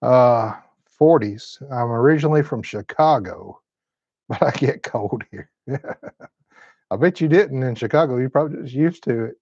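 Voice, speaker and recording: A man's voice: medium pitch, a little slow, darkish tone, no room sound, lo-fi sound. A man of fifty hosting a live-stream chat from his home, reading viewer comments in a folksy, laid-back Southern way. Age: 50s. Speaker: host.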